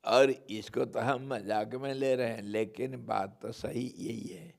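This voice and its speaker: A male swami delivering a spiritual discourse. He speaks very slowly and deliberately, teasing his listeners playfully. His voice has a gravelly, creaky texture at a middle pitch. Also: a little mellow. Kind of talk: devotional sermon with storytelling.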